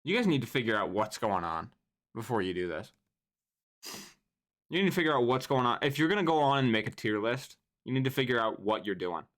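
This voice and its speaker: Young man, livestreamer, casual profane ranting, very lively pitch, streaming mic. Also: fairly quick.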